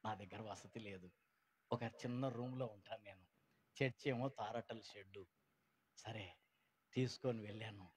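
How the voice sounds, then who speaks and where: A man telling his conversion story at a gospel meeting, swinging between loud outbursts and hushed lines and acting out the people he quotes. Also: fairly low pitch, steady tone, measured pace, long pauses, a little hiss or hum. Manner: acts out quoted people in changed voices. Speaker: testimony speaker at a gospel meeting. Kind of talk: emotional church testimony. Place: church meeting.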